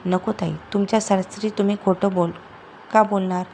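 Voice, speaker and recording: Woman narrator voicing gentle daughter-in-law, kind, timid. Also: mid-range voice, level tone, normal speed, a little hiss or hum, lightly acted. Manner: gentle, reassuring.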